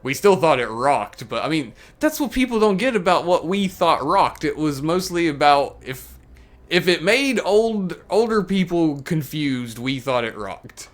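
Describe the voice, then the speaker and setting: A man's voice: on the high side, big pitch swings, measured pace. A middle-aged man streaming a video game, chatting casually and joking, cursing at the game now and then. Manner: laid-back, joking, swearing at the game. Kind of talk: casual gaming stream chat.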